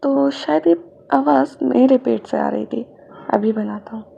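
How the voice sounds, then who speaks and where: A woman's voice: on the high side, measured pace, creaky, mellow. Doting, teasing young man, as a woman reads him. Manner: playful, affectionate. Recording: dull lo-fi, faint noise.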